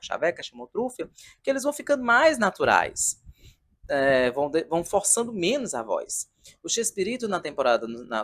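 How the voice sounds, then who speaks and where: A man in his thirties giving a casual, chatty and sentimental review in a vlog, talking in front of a decorated wall at home. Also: sits high. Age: 30s. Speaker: video reviewer of a comedy show.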